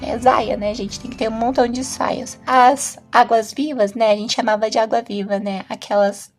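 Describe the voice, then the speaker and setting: Woman vlogging about her play, high voice, chatty, lots of "right?". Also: normal speed, soft background music. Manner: chatty, animated, frequent tag questions. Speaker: actress and vlogger. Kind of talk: casual recap of a stage play.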